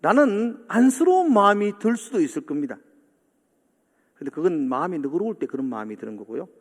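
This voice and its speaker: A pastor delivers a sermon from a church pulpit, his high voice swinging widely in pitch as he acts out the disciples' complaints. He speaks a little fast, and the sanctuary's long reverb trails after each phrase.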